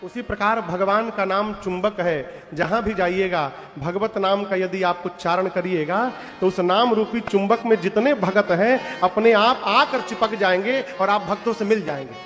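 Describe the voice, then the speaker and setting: A man's voice: high voice, moderate pace, few pauses, fairly bright tone. A man from Purvanchal with a Purvanchal Hindi accent, a devotional storyteller who tells sacred tales in a folksy way, speaks directly to his audience, and breaks into sung verses. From Purvanchal, India. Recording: long hall reverb with music.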